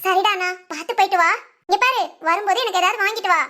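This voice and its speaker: A woman's voice: very high-pitched, quick pace, bright, forceful tone. A woman voicing a teasing young married sister in a cartoon, giggly and wheedling. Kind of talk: cartoon voice acting.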